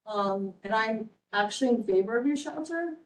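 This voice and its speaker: A woman's voice: on the high side, expressive, moderate pace, far from the mic, rough recording. A woman, a local resident, asking questions at a community meeting, hesitant with many fillers. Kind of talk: public comment at a meeting.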